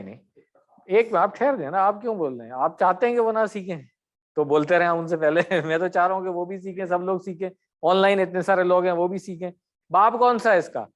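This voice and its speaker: High-voiced man teaching a grammar class. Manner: corrective, quizzes students by name. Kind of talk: online class lesson.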